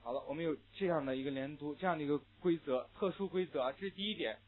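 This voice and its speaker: A male English teacher gives a classroom lecture on linked sounds in listening tests, with "ah" fillers and slow repeat-after-me drills. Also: fairly high pitch. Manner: explains rules with frequent "ah" fillers, then models words slowly. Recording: tinny phone-like audio.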